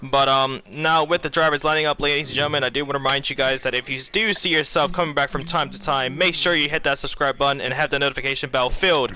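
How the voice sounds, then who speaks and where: A young man from Bermuda with a Bermudian accent, excitably commentating a live esports race and laughing often. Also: medium pitch, fast talker, hardly any pauses.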